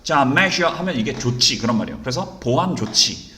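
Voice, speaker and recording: Teaching exam-prep English reading in Korean, a man poses rhetorical questions only to answer them himself and reads English sentences slowly and deliberately. His medium-pitched voice is expressive with a sharp tone, captured with a roomy echo.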